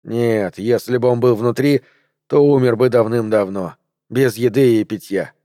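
Mellow-voiced male audiobook narrator. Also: medium pitch, measured pace, no echo, clean studio sound. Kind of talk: scripted narration.

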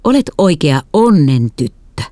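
A woman voicing a tired, gentle middle-aged father who speaks quietly and earnestly. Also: deep voice, very animated, no room sound. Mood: tender.

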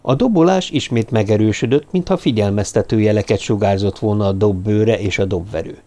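Male audiobook narrator, dark mellow tone, steady suspense read. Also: fairly low pitch. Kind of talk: scripted narration.

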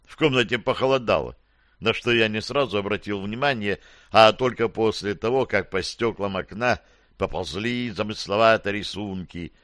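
A man's voice: fairly low pitch, fairly bright tone, no room sound, clean studio sound. A man reading a fantasy audiobook in the first person, with a wry, slangy storytelling manner. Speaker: audiobook narrator.

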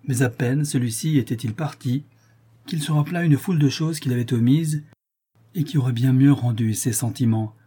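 A man reading a classic novel aloud in a measured, steady manner. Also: mid-range voice, slightly rough. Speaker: audiobook reader. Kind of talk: scripted narration of a classic novel.

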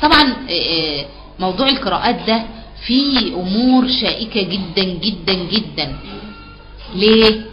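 A woman's voice: mid-range voice, animated, moderate pace, muffled recording, soft background music. A woman with an Egyptian accent teaching a live online Quran recitation class, patiently explaining and repeating key terms back as questions. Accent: Egyptian Arabic.

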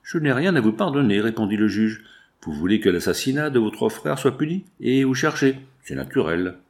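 A man's voice: medium pitch, expressive, normal speed, a little mellow, natural voice. A man doing a stern, unshakable magistrate. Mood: firm. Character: stern, self-assured male examining magistrate.

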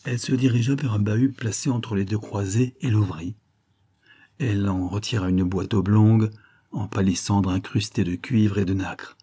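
A man reads a classic novel aloud in a measured, steady way. His voice is low, dark and warm, with a husky grain. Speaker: audiobook narrator. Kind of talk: scripted narration of a classic novel.

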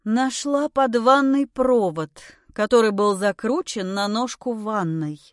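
A woman's voice: on the high side, unhurried, dry recording, studio quality, lightly acted. Woman playing a tired, cold-voiced wife. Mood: weary. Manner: calm, weary, cold. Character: tired, cool-headed woman of forty-two.

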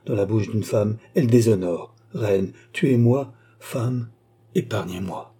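A man's voice: on the low side, unhurried, mellow, slightly rough. A man voicing a despairing young nobleman who murmurs and pleads in a faltering voice.

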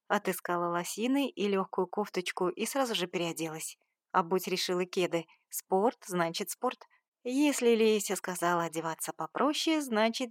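Woman reading a novel as the heroine, wry, mid pitch, dry close mic. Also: no room sound. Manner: sardonic, lively first-person telling. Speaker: audiobook narrator. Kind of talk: first-person novel reading.

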